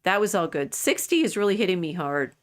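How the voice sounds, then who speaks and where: Brisk and lively in her intonation, a woman in her sixties speaks on the low side while co-hosting a livestream. Her talk is rambling, casual chat full of restarts.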